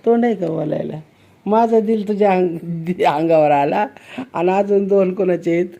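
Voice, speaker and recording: A woman's voice: on the low side, normal speed, gravelly, warm tone, highs cut off. A woman filming a home video on a handheld phone, coaxing and teasing a child, with frequent exclamations. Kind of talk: casual home video chat.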